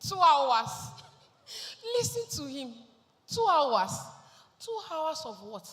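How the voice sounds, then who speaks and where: Emotional nigerian mother, as an actress plays her, bright high voice, lively, hall echo. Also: slow pace, exaggerated voice. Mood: defiant. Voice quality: emotional, tearful pleading. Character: anguished mother pleading to protect her daughter. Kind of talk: stage drama acting. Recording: hall reverb.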